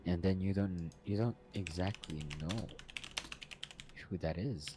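A man narrating a tabletop role-playing game as game master, in a slow, unhurried way. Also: deep voice, heavy background noise.

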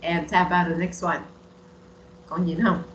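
A woman's voice: lowish voice, flat delivery, normal speed, roomy sound, dull audio, slight background noise. A woman teaching English on a video call, patiently repeating words for students to practice. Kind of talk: online bilingual English lesson.

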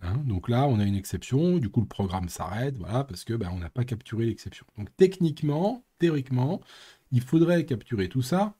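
A man's voice: mid-range voice, lively intonation, a little fast, dark tone, husky. A man streaming live coding, thinking aloud and muttering with playful sound effects. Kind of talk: casual live coding commentary.

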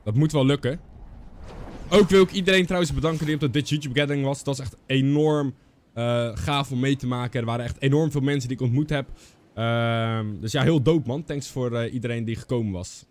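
This is a young adult male streamer, stuffy-nosed from a cold, chatting casually about his game over a close boom mic indoors. He talks a little fast in a medium-pitched, darkish voice, dropping in bits of English slang.

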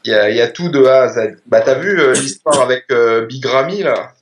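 A man with an accent from France chatting casually and haltingly on a podcast. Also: medium pitch, a little hiss or hum. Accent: French, from France. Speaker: podcast participant. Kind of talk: casual chat. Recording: slightly dull, lo-fi sound.

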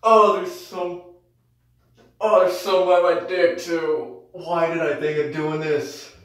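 A man's voice: fairly high pitch, flat delivery, slow pace, fairly bright tone. Echoey young man freezing in ice cold water. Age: young adult. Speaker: vlogger. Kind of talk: casual challenge vlog chat. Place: small tiled bathroom, in a bathtub. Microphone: camera a few feet away. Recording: echoey bathroom, distant mic.

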